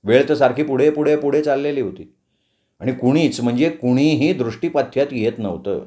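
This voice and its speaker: Mellow-voiced male storyteller. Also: mid-range voice, normal speed. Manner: expressive, dramatic narration. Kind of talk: Marathi storytelling narration.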